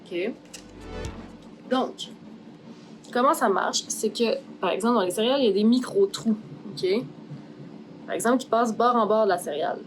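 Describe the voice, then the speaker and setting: A woman's voice: on the high side, moderate pace, pauses often, poor audio. A woman with a Québécois French accent in a casual making-of vlog, explaining her steps informally and thinking aloud, with some English words mixed in. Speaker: craft artist, vlog host. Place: art workshop. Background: background music.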